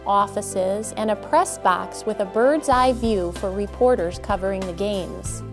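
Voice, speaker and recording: A woman reading a scripted documentary narration in a measured, proud manner. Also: on the high side. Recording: voice-over with music behind. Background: music.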